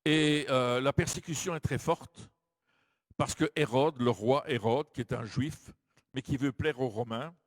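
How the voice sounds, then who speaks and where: A middle-aged man preaching a lively sermon, telling stories and acting out the voices of the people in them, with frequent fillers. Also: mid-range voice, measured pace. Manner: animated, acts out quoted voices, frequent fillers. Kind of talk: sermon with storytelling. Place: large hall. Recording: dry close mic with long hall reverb.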